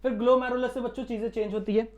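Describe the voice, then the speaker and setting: A man's voice: very high voice, flat delivery, racing, darkish tone, muffled recording. Indian male tutor, casual lecture style, keeps quizzing the class and answering himself. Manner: quizzes students with repeated questions. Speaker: teacher.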